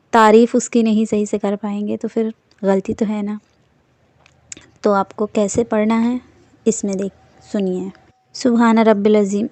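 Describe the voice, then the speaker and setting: A woman giving a religious lesson, earnestly correcting common mistakes and slowing down to spell out recited phrases. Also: fairly high pitch, gravelly, mellow, no room sound. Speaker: religious teacher. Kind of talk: instructional talk on prayer.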